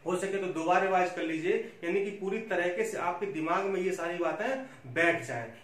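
A man with a high, slightly bright voice teaches Hindi spelling in a lecture, coaxing students and saying "theek hai" (okay) after nearly every point. The room is very echoey, the mic distant, with faint hiss.

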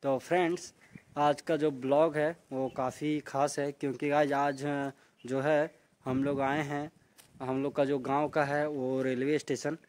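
A young Indian vlogger with a Jharkhand Hindi accent chats casually while walking around a small railway station, frequently saying "guys." His voice sits on the high side with little pitch movement, a measured pace, and a darkish tone.

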